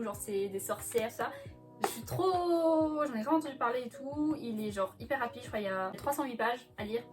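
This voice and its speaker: A young woman vlogger chatting casually about her books from the floor, laughing often and filling pauses with little hesitations. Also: on the high side. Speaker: book vlogger. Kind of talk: casual chat. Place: bedroom floor by a bookcase.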